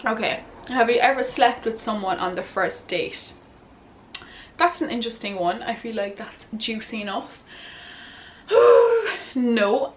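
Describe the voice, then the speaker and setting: A woman's voice: mid-range voice, fairly bright tone, slight background noise, rough recording. A young woman answering follower questions in a casual, candid, giggly and tipsy chat. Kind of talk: casual chatty Q&A to camera.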